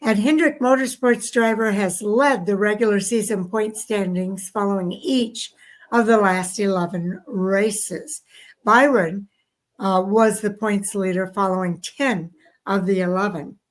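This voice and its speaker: A woman's voice: medium pitch, fairly even intonation, unhurried. A woman co-hosting a racing podcast, reading statistics in a tired, casual way. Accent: Southern American. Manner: tired, yawning. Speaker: podcast co-host. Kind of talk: reading race stats in casual chat.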